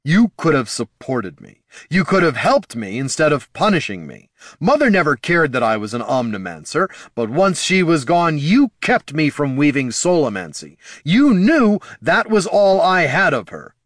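A man's voice: fairly high pitch, very animated, normal speed, no echo, studio quality, pitched above the performer's own voice. A man doing an angry young wizard. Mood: pleading anger. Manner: shouting in anger, then hushed. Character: young male wizard, furious at his father.

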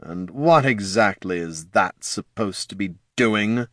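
A cold, contemptuous undead lich sorcerer with a low, hissing voice that sneers and snarls in an audiobook fantasy duel, as a man reads him. The sound is dry and close. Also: sing-song, slow, creaky, sharp tone, dry recording, full character voice. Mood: snarling. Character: scornful old male lich sorcerer, cold and cruel.

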